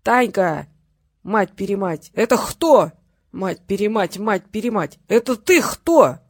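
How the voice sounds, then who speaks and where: Loud, slurring drunk father, middle-aged, dragging every word, as the reader puts him on; audiobook, dead-dry close read. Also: mid-range voice, expressive, slow, dry recording. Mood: drunken bellowing. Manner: shouting, slurred, drawn out. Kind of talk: audiobook character voice.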